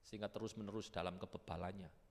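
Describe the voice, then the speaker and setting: A man preaching a sermon, animated and swinging between loud and hushed delivery. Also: sits low, fast talker. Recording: echoey church hall.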